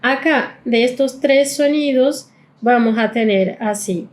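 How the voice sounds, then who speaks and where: Woman teaching, slow careful drills. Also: on the high side. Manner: repeats sounds slowly, drawn-out vowel drills. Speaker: German teacher. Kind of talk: pronunciation lesson.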